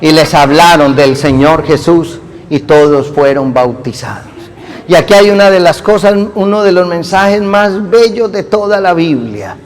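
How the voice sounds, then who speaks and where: High-voiced priest preaching in a hall. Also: male voice, measured pace. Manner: lively, acts out lines with playful humor. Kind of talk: sermon. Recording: long hall reverb.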